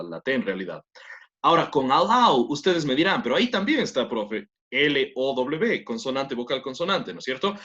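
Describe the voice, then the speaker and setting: In this online class lecture, a man from Latin America explains English grammar one step at a time, often checking understanding with tag questions. His voice sits in the mid range and sounds sharp and husky.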